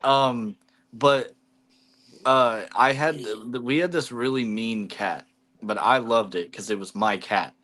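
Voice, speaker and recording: A man's voice: mid-range voice, a little slow, fairly bright tone. A man hosting a casual livestream chat, telling rambling stories and swearing freely. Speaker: livestream host.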